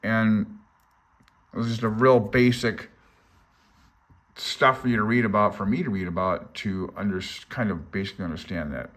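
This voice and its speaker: An older ham radio hobbyist presents a handbook at a normal speed but pauses often, his lowish voice a bit bright. The read-along is casual and unscripted, with him rambling, thinking aloud, and openly unsure.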